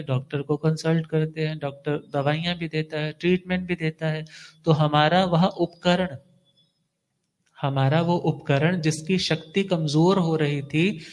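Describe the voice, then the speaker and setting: A man, a monk, giving a devotional discourse in a teacherly way, posing questions and answering them himself. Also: a little high. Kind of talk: devotional sermon.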